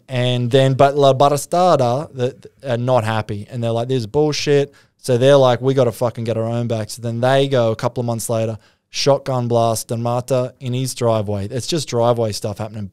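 A man's voice: medium pitch, fairly even intonation, moderate pace, a little mellow, clean tone, dry recording, studio quality. An Australian man co-hosting a podcast, telling a crime story in a rambling, swearing way, putting on voices for the people he quotes. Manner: rambling, profane, acts out quotes. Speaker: podcast co-host. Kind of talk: casual storytelling chat.

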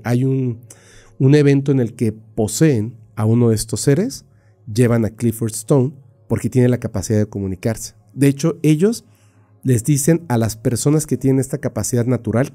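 A man retelling a story on a podcast in a casual, animated way, with frequent fillers and the odd mouth sound effect. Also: mid-range voice.

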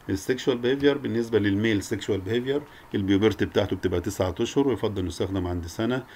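A man's voice: on the low side, creaky, darkish tone, a little hiss or hum. A man with an Egyptian Arabic accent giving a recorded academic lecture, peppering his speech with English technical terms. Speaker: veterinary lecture presenter.

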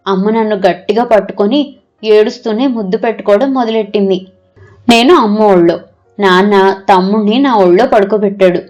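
A woman narrating a story in a lively, expressive reading as the channel's storyteller. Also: medium pitch, normal speed, dull audio, faint music behind.

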